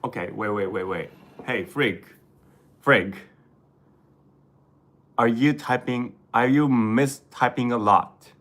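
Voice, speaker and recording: A man from Japan with a Japanese accent chats on a livestream in English, his second language, talking slowly and unhurriedly. He halts and restarts his words often, and laughs easily between thoughts. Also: medium pitch, fairly bright tone. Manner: halting, self-correcting, laughs often. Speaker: vlogger reading live chat. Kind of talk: casual livestream chat.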